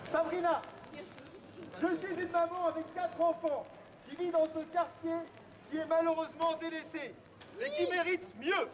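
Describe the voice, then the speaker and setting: A man's voice: very high voice, steady tone, moderate pace. A man works as a town crier, declaiming announcements and messages aloud in a public street. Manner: declaimed, projected public crying. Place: outdoors in an urban street. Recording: outdoor street recording with crowd. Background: crowd and street sounds.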